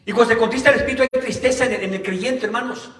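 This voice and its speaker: A male pastor preaching a Sunday sermon. He keeps calling the listeners "brother" and reads the scripture slowly and deliberately. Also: very high-pitched, fairly bright tone. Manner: tells personal stories in a plain conversational way. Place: church hall. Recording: roomy church hall, mic at a distance.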